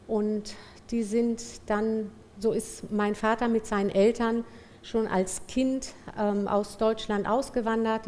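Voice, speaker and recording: A woman born in Ecuador shares her family story at a slow, thoughtful pace. She pauses often and searches for words. A faint hum of room ambience sits behind her voice. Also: mid-range voice, darkish tone. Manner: slow, reflective, many pauses and fillers. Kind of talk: personal testimony.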